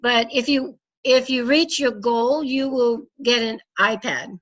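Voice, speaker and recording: Congested middle-aged woman rambling thru a team call, kinda high voice, muffled lo-fi audio. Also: takes it slowly, fairly bright tone. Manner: chatty, rambling with many fillers. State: congested, sick. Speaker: team leader. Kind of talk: casual video call meeting. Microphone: video call. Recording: dull lo-fi call audio with faint noise.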